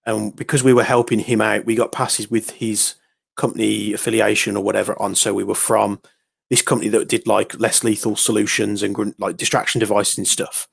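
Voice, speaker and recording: A man's voice: on the low side, level tone, a little fast, gravelly, breathy edge, dry recording, studio quality. A man hosting a casual airsoft talk show, telling stories with lots of fillers and restarts. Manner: rambling, filler-heavy storytelling. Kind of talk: casual podcast chat.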